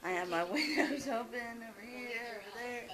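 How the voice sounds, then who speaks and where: A woman's voice: fairly high pitch, normal speed, over a noisy crowd, low-quality recording. A woman vlogging casually in her apartment, venting bluntly and swearing freely while a little out of breath. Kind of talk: casual vlog chat. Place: hot apartment room with open windows. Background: construction noise and outdoor ambience.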